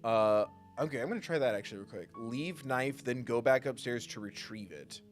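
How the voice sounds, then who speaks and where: A game streamer with a mid-range voice and lively intonation gives live commentary at a normal pace, thinking aloud playfully and reading in-game text. Game music plays in the background.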